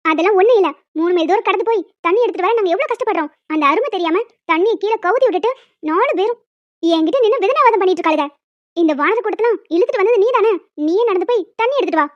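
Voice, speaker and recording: A woman voicing a bossy old village grandmother in a cartoon, who shouts insults and threats. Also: extremely high pitch, expressive, very fast, no echo, highs cut off. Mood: threatening.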